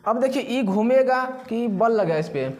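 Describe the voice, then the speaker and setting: A man's voice: very high voice, lively intonation, a little slow, a crowd in the background. A man teaching a physics class, who keeps asking the students questions and then answers them himself.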